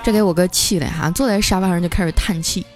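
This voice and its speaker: A woman telling comic stories as a podcast host, lively and chuckling often. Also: fairly low pitch, fast. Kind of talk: comic storytelling. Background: background music.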